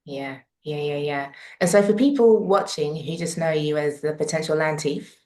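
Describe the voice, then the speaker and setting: A woman hosts a relaxed podcast conversation, her voice pitched low for a woman. She talks in a playful, teasing way as she prods her guest. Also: normal speed, low-quality recording. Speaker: podcast host. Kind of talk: casual interview conversation.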